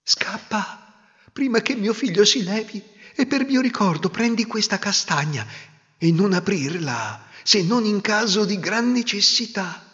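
A woman's voice: medium pitch, animated, measured pace, fairly bright tone, big-room sound, lo-fi sound, pitched above the performer's own voice. A man voicing a kindly but worried old woman, the mother of the wind, speaking in a fretful, warning tone.

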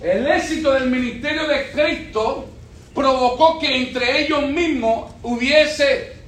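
A man's voice: very high-pitched, slow pace, fairly bright tone, a little hiss or hum. A man preaching a sermon, quizzing his congregation with questions and repeating phrases. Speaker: pastor. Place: church sanctuary. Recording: echoey church room.

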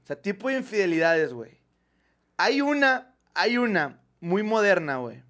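Brief: young Mexican guy, high-ish voice, animated storyteller, slangy and profane, casual podcast chat. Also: moderate pace. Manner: animated storyteller, heavy slang and swearing, says 'güey' constantly. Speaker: podcast co-host.

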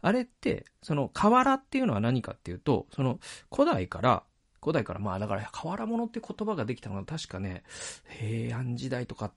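A podcast host with a medium-pitched voice that swoops wildly talks at a moderate pace. Alone at the microphone, he reflects on a book, often hesitating and correcting himself.

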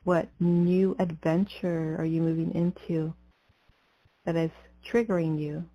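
A woman guiding a breathing meditation as a spiritual coach, in a soothing mystical healer manner with deliberate pauses. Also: low voice, steady tone, no echo. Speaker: podcast host and spiritual coach. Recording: slightly dull, muffled lo-fi audio.

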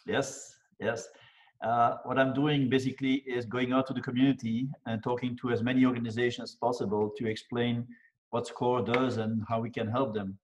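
An older man, a business mentor guest speaking in a measured, methodical way. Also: medium pitch, level tone, slight background noise, rough recording. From Belgium. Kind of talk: casual interview talk.

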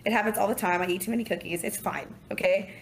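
Chatty woman, 30s, podcast guest, tells it animated w quotes and laughs, voice sits in the middle. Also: medium pitch, fast talker, vocal fry, slight background noise. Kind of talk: casual storytelling.

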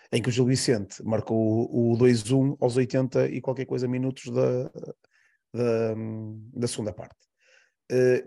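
A man's voice: mid-range voice, gravelly, warm tone. A man with a Portuguese accent, a panelist who talks football on a podcast, going over points and correcting himself as he goes. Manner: repetitive, listing points, self-correcting. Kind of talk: casual podcast football analysis.

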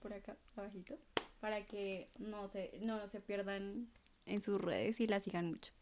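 A woman co-hosting a relaxed podcast chat. She is blunt and emphatic, with a joking edge. Her pitch sits in an ordinary middle range. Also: unhurried, background noise. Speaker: podcast co-host. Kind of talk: casual chat.

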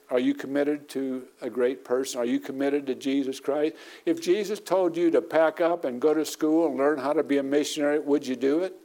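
Man, pastor, sermon, emphatic repetition, somewhat high-pitched. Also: dark tone.

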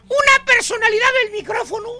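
A man's voice: very high-pitched, steady tone, brisk, creaky, sharp tone, soft background music. A man hosting a comedy radio show, teasing his cohost and acting out characters' lines in quoted voices. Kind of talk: comic radio monologue. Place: radio studio.

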